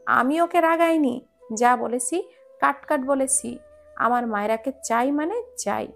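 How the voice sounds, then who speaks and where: A man's voice: very high-pitched, lively intonation, a little slow, gravelly, soft background music, exaggerated voice. A woman voicing an angry, scornful young man in a romance story. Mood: defiant.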